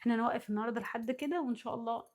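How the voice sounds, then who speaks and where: A woman's voice: a little high, rapid-fire, a little mellow, slight background noise. A woman with an Egyptian accent giving a spoken psychology lesson. She walks through worked examples and often stops to check that her listeners follow. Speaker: psychology teacher.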